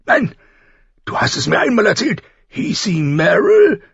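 A man voicing a loud, jovial, bawdy middle-aged king in an audiobook, hearty and laughing. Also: sits high, huge pitch swings, a little slow, vocal fry, husky, no room sound, muffled recording, pitched above the performer's own voice, exaggerated voice. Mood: teasing. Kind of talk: audiobook character voice.

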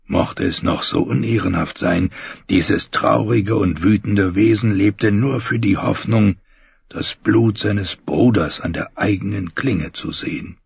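A man narrating an audiobook in a very low, gravelly voice with a breathy, husky grain. He reads slow and grave, close and dry. The recording sounds dull and muffled. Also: a little mellow, no echo. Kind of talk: scripted narration.

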